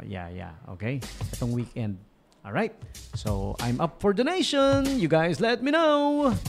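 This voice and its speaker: Filipino guy on the radio cracking jokes, bouncy lively voice, kinda high. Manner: joking, chuckles at his own puns. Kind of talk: casual radio chat. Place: radio studio.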